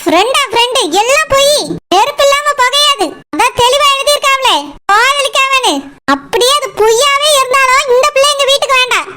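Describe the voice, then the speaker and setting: Woman voicing a haughty cartoon mother-in-law. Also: fairly quick. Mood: accusing. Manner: accusing, lower and slightly distant. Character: haughty groom's mother, cold and accusing.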